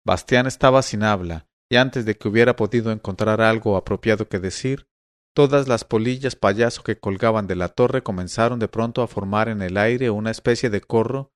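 A man reads a fantasy novel aloud in a measured, expressive audiobook style. His voice sits at a middle pitch. The recording is dry and close, with no room echo. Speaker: audiobook narrator. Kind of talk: audiobook reading.

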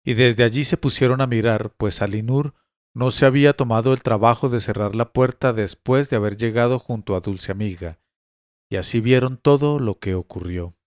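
A man narrating a classic tale aloud in a measured, formal storytelling manner. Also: mid-range voice, no room sound, studio quality.

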